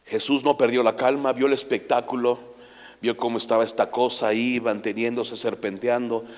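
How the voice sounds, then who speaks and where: A man's voice: mid-range voice, flat delivery, moderate pace. A man with a Mexican Spanish accent preaching a sermon as pastor, impassioned and full of rhetorical questions. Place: church sanctuary. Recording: long church hall reverb.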